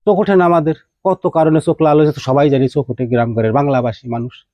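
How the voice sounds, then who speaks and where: A man's voice: fairly high pitch, steady tone, fast talker, mellow, no room sound. A man, teaching mantras. He chants verses in a rising singsong and keeps asking his listeners questions. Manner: addresses listeners directly with rhetorical questions. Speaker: tantric teacher. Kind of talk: devotional teaching talk.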